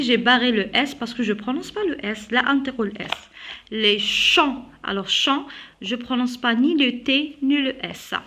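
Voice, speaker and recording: Slow-speaking teacher woman, repeating words. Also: a little high, a bit bright, slight background noise. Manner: slow, drawn-out modeling of words, repeated twice. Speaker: primary school teacher. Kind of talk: phonics lesson. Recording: dull lo-fi video audio.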